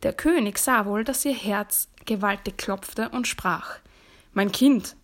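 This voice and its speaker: A woman reading a fairy tale aloud as a storyteller, in a soft, hushed voice that sometimes drops to a whisper. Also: medium pitch, measured pace.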